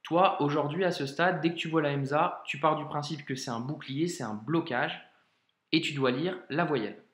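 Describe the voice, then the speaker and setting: A man teaching a video lesson in a patient, informal way, talking straight to the learner and drawing out example words slowly. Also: fairly high pitch, fairly bright tone. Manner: slow, drawn-out modeling of example words. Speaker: Arabic reading teacher. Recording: echoey room.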